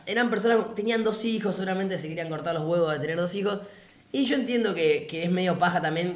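A young man with a Rioplatense Spanish accent, telling a casual anecdote in a laid-back, slangy and profane way. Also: a little high. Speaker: vlogger. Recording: echoey room.

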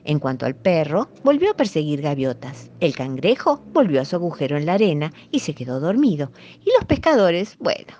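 A woman telling a children's story with a gentle, expressive reading. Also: low-pitched, fairly quick, hardly any pauses, lo-fi sound.

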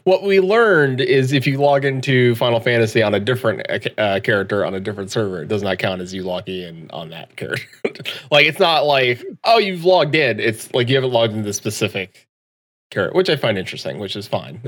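A man's voice: lowish voice, a little fast, fairly bright tone. A man hosting a casual gaming podcast chat, laughing often as he talks. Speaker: podcast host.

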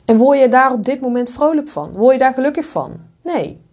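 A woman with a somewhat high voice talks straight to her listener in a direct motivational monologue. She is frank and blunt, tosses in swear words and little English asides, and coaches with no sugarcoating. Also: animated, a little fast, a little mellow. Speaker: podcast host and coach.

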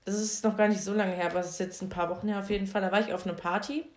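A young woman in casual chat, telling stories in a direct, lively way. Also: medium pitch, very fast. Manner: direct, animated storyteller. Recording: roomy echo.

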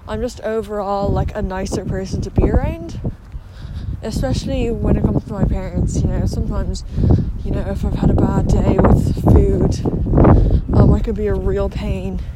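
Woman podcaster, slow confessional delivery, slight retainer lisp, outdoor walking recording with traffic-like noise. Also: medium pitch, steady tone. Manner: hesitant, candid, with mild swearing. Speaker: podcast host. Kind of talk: casual confessional monologue while walking. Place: outdoors, on a muddy walk.

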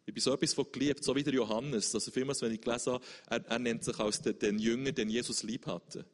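A man tells his faith story as an interview guest, talking earnestly and often restarting his sentences to find the right words. His voice sits at an ordinary middle pitch. A long hall reverb trails after his words. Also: steady tone, fast. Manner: earnest, searching, many restarts.

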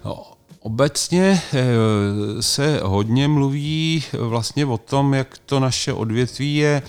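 A man's voice: medium pitch, a little mellow, clean tone. A man who organizes a festival, answering interview questions in a casual, hesitant way with many fillers and restarts.

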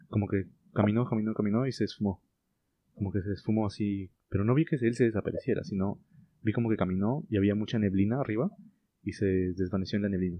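A man's voice: lowish voice, no room sound. A man telling a dream story in casual chat, hesitant, with many fillers and restarts. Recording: lo-fi muffled sound.

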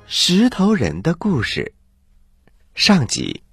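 A man hosting and narrating stories for children in an animated, husky voice. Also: a little high, slow, loud music behind the voice. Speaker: children's storyteller, host.

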